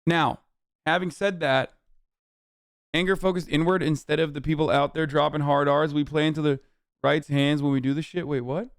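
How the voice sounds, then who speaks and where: High-voiced, profane, ranting male streamer. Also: steady tone, moderate pace, clear, resonant tone, no echo, clean studio sound. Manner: profane, sarcastic and heated. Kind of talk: livestream reaction rant.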